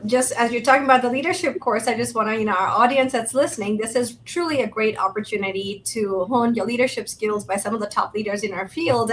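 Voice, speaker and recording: Brief: woman from Thailand, upbeat interview co-host, higher voice, remote call with faint hiss. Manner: upbeat, warm, frequent "you know". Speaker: podcast co-host. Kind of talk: hosted interview conversation. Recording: remote video call, faint background noise.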